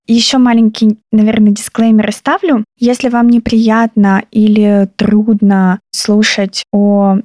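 A woman hosting a solo storytelling podcast in a chatty, informal way, with a speech impediment that leaves her r sounds soft and unrolled. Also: medium pitch, no room sound, clean studio sound. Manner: chatty, informal, addresses listeners directly. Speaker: podcast host.

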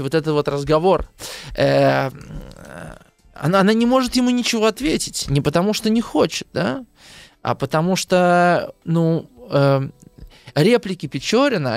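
A man's voice: high-pitched, creaky, no echo. A man giving a literature lecture, hesitant, full of fillers and rhetorical questions to his listeners.

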